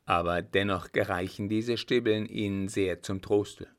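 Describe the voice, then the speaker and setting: A man voicing an old, blunt field marshal who talks loudly and teases, with a gravelly low voice. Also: steady tone, measured pace. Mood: gruff, bantering. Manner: loud, brusque, bantering.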